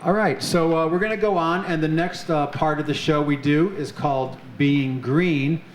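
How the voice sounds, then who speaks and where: On an off-center stage at an arts center, a man hosts a live show before an audience, upbeat and chatty with plenty of fillers. His voice is a little high, steady and moderately paced, and the room sounds echoey with faint noise.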